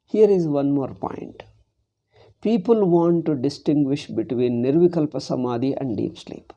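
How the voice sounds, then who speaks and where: Dark, creaky South Indian male teacher. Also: a little high, a little slow, lo-fi sound. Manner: emphatic, with rhetorical questions and repetition. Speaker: Vedanta teacher. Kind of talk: informal spiritual lecture.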